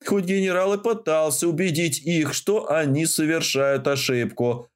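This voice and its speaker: A man's voice: a little high, fairly even intonation, normal speed, lightly acted. A man voicing a pompous older male rear admiral who lectures his subordinates in an audiobook. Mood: lecturing. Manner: lecturing, self-important.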